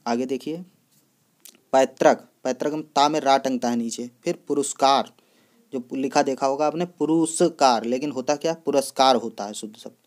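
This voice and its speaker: A man teaching an exam-prep spelling lesson in a steady, instructive way, repeating set drill phrases. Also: medium pitch, normal speed.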